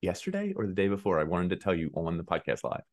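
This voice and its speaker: Low-voiced young man, joking casually. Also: wildly swooping pitch, quick pace. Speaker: podcast co-host. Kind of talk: casual chat.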